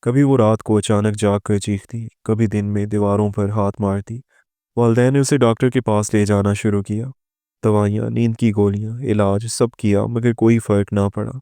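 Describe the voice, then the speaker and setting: A man narrating a scripted moral story in a steady, even delivery. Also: on the low side, smooth, no room sound, studio quality.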